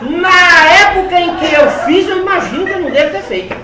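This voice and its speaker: A man from Alagoas gives a spiritist lecture, telling personal stories with humor and sudden swings between loud and soft. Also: very high-pitched, brisk, over a noisy crowd. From Alagoas, Brazil. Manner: animated, humorous storyteller with dramatic swings in loudness. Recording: roomy hall, voice from a distance, faint ambience.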